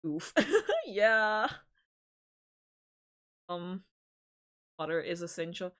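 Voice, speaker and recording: A woman's voice: fairly low pitch, very slow, fairly bright tone, clean tone. A woman hosting a livestream, chatting casually with viewers in a giggly, rambling way, often restarting her sentences. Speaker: livestream host.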